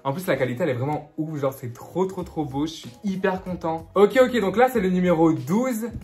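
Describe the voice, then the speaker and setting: A young man unboxing gifts in a casual vlog, excitable and gushing, stacking repeated words for emphasis. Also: high-pitched, a little fast, faint music behind. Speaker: YouTuber.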